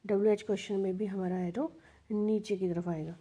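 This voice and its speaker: Mellow-voiced woman teaching English intonation. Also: medium pitch, steady tone, brisk. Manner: patient, repeats key points with worked examples. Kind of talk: explaining English intonation in Hindi.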